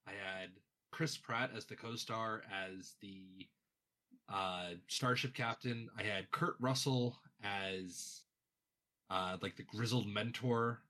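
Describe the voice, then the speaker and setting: A man's voice: lowish voice, fairly even intonation, takes it slowly, sharp tone. A man chatting casually with friends, wry and grumbling, often trailing off. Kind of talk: casual chat.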